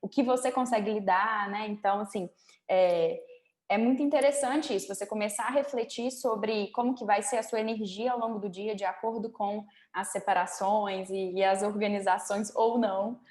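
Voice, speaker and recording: A woman's voice: mid-range voice, steady tone, normal speed, darkish tone, reverberant. A woman hosting a productivity interview, explaining and advising in a chatty way over a video call. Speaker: host. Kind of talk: interview host chat.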